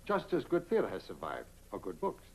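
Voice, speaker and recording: An actor playing an optimistic film director in an old movie, expansive and effusive. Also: male voice, lowish voice, wildly swooping pitch, a little fast, rough recording. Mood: musing.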